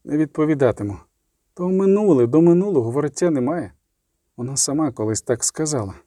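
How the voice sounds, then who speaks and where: A man's voice: fairly high pitch, lively intonation, a little fast, no echo, studio quality, close to an everyday voice. A man doing a stubborn young girl. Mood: brooding. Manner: reluctant, evasive, quiet.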